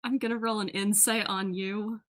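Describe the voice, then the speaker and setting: A woman's voice: mid-range voice, steady tone, moderate pace. A woman playing in a tabletop role-play, laughing often as she talks. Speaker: player.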